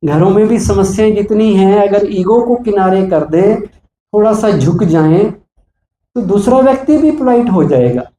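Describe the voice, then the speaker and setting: A man's voice: high voice, animated, a little slow, mellow, reverberant, slight background noise, low-quality recording. A man, a spiritual speaker, giving a preachy motivational talk to police staff. He asks rhetorical questions and acts out everyday examples.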